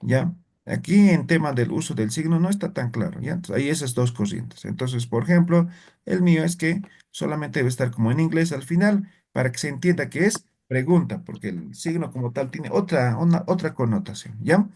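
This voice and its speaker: Upbeat-pitched male teacher, patient. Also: expressive, normal speed, a little mellow, slightly rough. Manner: checks in often with short tag questions; patient, step-by-step explaining. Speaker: language teacher. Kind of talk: classroom lesson.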